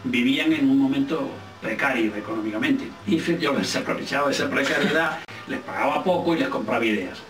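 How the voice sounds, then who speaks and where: An older Spanish film director, with an accent from Spain, reminisces casually in an interview, pausing to search for words and repeating some for emphasis. His mid-pitched, fairly bright voice sounds distant in an echoing room, recorded on a distant mic with faint music.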